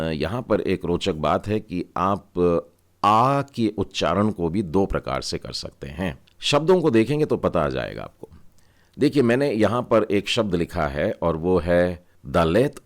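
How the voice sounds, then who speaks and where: A man teaching Hebrew vowel signs in a patient, step-by-step way, asking learners to read along. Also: deep voice.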